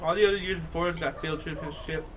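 A man's voice: fairly high pitch, fairly even intonation, quick pace, fairly bright tone, slight background noise, low-quality recording. A young man chatting casually, with slangy, profane bro talk. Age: young adult. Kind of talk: casual chat.

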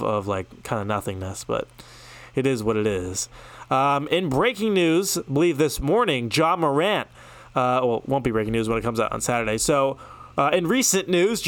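Male sports podcast host, slightly higher voice, dry close sound, casual headline rundown with filler words. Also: fairly bright tone, no room sound. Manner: chatty, loose delivery with many ums and self-asides. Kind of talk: solo sports news podcast.

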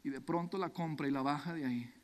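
A male youth pastor preaches with dramatic storytelling. His voice sits high for a man and carries a long reverb, as if he is in a large hall. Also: quick pace. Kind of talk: sermon.

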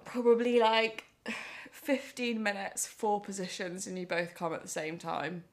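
A woman's voice: mid-range voice, little pitch movement, a little slow. A young woman from Surrey with a posh home counties accent, chatting casually and confessionally in a wry, self-mocking way. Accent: posh home counties English. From Surrey, England.

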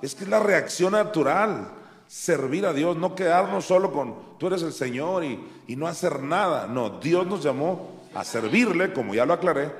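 A man with a Mexican Spanish accent preaching a sermon, animatedly acting out Bible voices with sharp rises and drops. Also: on the high side, lively intonation, moderate pace. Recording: echoey hall with faint music.

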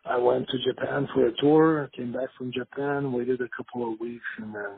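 His voice is medium-pitched and slightly rough with vocal fry, fairly even in intonation and moderate in pace. He's a former pro wrestler in his fifties from Montreal, Canada, with a Quebec French accent, guesting in a casual interview and rambling with many "you know" fillers, heard on a tinny phone line.

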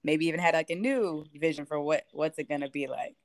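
A woman hosting a podcast, reacting warmly and emotionally in casual chat. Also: sits low, fairly quick, no room sound, clean studio sound. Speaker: podcast host.

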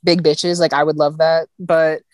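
Woman, casual chat co-host, blunt, opinionated, lowish voice, dry sound. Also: level tone, normal speed, darkish tone, no echo. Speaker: podcast co-host.

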